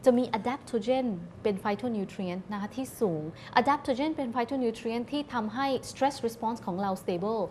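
A woman's voice: on the high side, slow, few pauses, a little mellow, slight background noise. A woman guest on a TV talk show, explaining health advice politely and patiently, mixing English terms into her speech. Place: TV studio.

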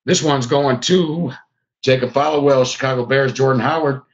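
Male live-stream card break host, casual and chatty with viewers, mid-pitched, slightly lo-fi sound. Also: steady tone, moderate pace. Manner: chatty, talks to viewers by name.

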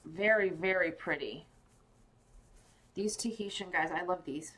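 A woman's voice: fairly low pitch, measured pace, a bit bright, poor audio. A woman hosting a live pearl-opening sale, chatting casually and gushing to viewers by name. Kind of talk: casual live-stream sales chat.

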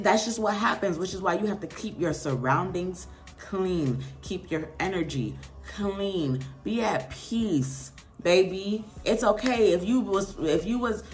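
A young woman, giving an animated, preachy casual talk to the camera as a vlogger. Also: mid-range voice.

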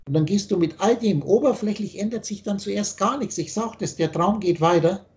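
A man's voice: sits high, normal speed, a little mellow. A man teaching on a video call, lecturing insistently and spelling out letters as he explains. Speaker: spiritual teacher.

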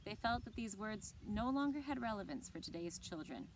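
A library story-time reader in her thirties reads aloud to children outdoors on a lawn beside evergreen trees, expressive and clearly paced, with short asides. Her voice is mid-range at a moderate pace, and the recording has slight hiss or hum plus outdoor ambience and birdsong.

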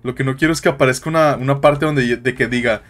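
A man's voice: medium pitch, fast. Jittery gamer guy. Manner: jittery and excitable, mixing in English slang. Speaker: gaming YouTuber. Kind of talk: let's play commentary.

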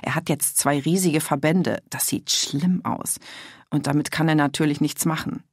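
A woman's voice: deep voice, steady tone, normal speed, slightly rough, no room sound, studio quality. Woman doing an outraged, gossipy middle-aged mother. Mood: grumbling. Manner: agitated, voice cracking with outrage.

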